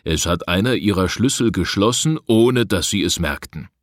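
A man's voice: low voice, lively intonation, moderate pace, no room sound, clean studio sound. A man reading a scornful, commanding grave robber. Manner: curt, mocking, commanding.

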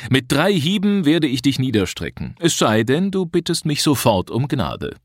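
A man voicing a cool-headed hero who calmly taunts his opponent in a storybook reading. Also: medium pitch, normal speed, no room sound, studio quality, voice pushed up. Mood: taunting. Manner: calm, taunting.

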